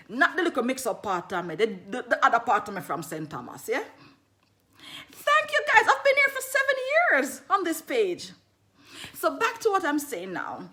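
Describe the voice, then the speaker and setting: Selling skincare on a livestream, a Jamaican herbalist keeps up easygoing chat in a bright, high voice. Animated and talkative, she repeats her lines often and greets viewers right in the middle of sentences.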